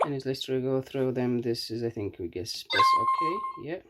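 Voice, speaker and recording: A man with a medium-pitched voice that swoops wildly up and down talks at a moderate pace through a casual, unscripted product demo. As a reviewer, he hesitates and thinks aloud along the way. The recording has a clearly noisy background with clicks.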